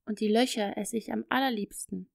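A woman voicing a lively, eager little girl in a storybook, talking in an excited, pleading way. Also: on the high side, fairly quick, vocal fry, dry recording, clean studio sound. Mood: cheerful.

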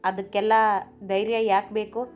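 A woman's voice: medium pitch, level tone, moderate pace, darkish tone, muffled recording, faint music behind, close to an everyday voice. A woman voicing a playful young husband who fakes being stern, speaking in a teasing, mock-stern way in a storybook reading. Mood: tender teasing.

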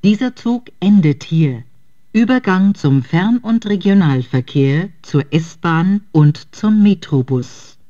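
Female train announcer heard over the intercom. Low-ish voice, very slow and clipped, with muffled lo-fi sound. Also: lively intonation, mellow. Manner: measured, clipped station calls. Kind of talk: recorded station announcements. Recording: dull lo-fi intercom audio.

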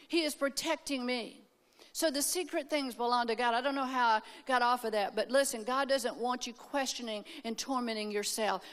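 A woman's voice: sits high, a bit bright. A woman preaching at a women's conference, telling a personal story with emphasis and calling out for amens. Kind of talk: sermon. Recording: hall reverb.

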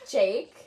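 A young woman bantering casually and playfully with a friend, repeating her phrases to be understood. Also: mellow. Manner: repeats phrases to a partner who can't hear. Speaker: challenge video participant. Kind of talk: casual playful banter in a lip-reading game. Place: small bedroom, indoors.

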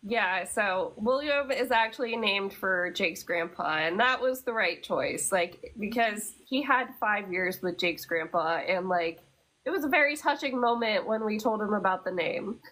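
A woman's voice: medium pitch, expressive, measured pace, a bit bright, low-quality recording. A young adult woman co-hosting a podcast, telling stories in a casual, chatty way with plenty of fillers. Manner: chatty storytelling with many fillers. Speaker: podcast co-host. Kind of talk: casual chat.

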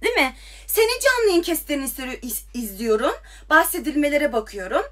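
High-pitched angry young woman ranting. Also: sing-song, fairly bright tone. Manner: heated, confrontational, rapid-fire questions. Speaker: TikTok livestreamer. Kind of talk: angry livestream rant. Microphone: phone.

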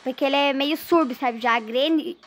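A woman's voice: high-pitched, fairly quick, a bit bright, slight background noise. A woman with a Brazilian accent giving casual, nervous commentary on a horror game as she talks to her viewers. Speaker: gamer.

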